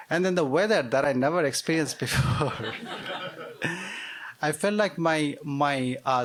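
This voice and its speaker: A man's voice: fairly high pitch, fairly bright tone. A man in his forties from Bangladesh with a Bangladeshi accent, telling a live story on stage with wry, self-deprecating humor and frequent fillers. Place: theater stage before a live audience.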